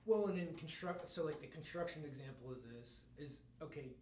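A man's voice: a little high, fairly quick, darkish tone, a little hiss or hum. Rambling man in an echoey room. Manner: rambling, lots of fillers and laughs. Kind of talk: casual chat. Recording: roomy echo, faint ambience.

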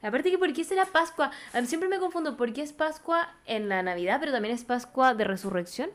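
A woman's voice: sits high, expressive, a little fast. A young adult woman with a Chilean accent, hosting a podcast in a playful, teasing casual chat. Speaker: podcast host.

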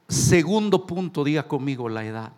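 A Mexican pastor preaching a sermon, animated and joking, urging the congregation to repeat phrases after him. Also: male voice, a little high, moderate pace. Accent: Mexican Spanish. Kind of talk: sermon with jokes and call-and-response.

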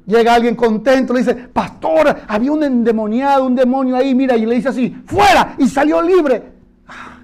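A male pastor preaching a sermon, leading the congregation to repeat lines aloud in call-and-response. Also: very high-pitched.

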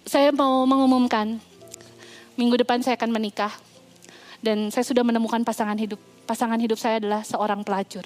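A woman voicing a young male pastor making a calm, measured announcement from the stage during a sermon. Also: on the high side, soft background music, pitched below the performer's own voice, lightly acted. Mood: solemn.

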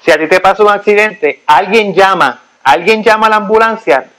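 A man, chatting casually and telling animated, repetitive stories. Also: high-pitched, brisk, rough recording. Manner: animated storytelling, repeats himself. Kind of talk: casual chat. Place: United States.

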